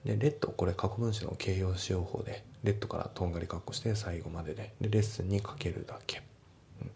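A man teaching English, breaking sentences into parts and reading English lines slowly, then explaining pronunciation. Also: low-pitched, steady tone, vocal fry, warm tone, slight background noise.

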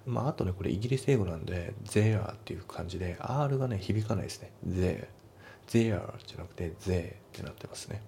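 Low gravelly man teaching English. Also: animated, fast talker, few pauses, warm tone, a little hiss or hum. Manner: methodical, repeats each pronunciation contrast twice. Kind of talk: test-prep lesson explanation.

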